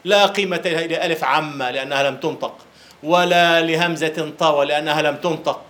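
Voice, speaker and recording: A man lecturing on Arabic prosody in a classroom, teasing his students and slowly chanting verse syllables. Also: fairly high pitch, steady tone, fairly bright tone. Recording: roomy lecture hall echo, faint hiss.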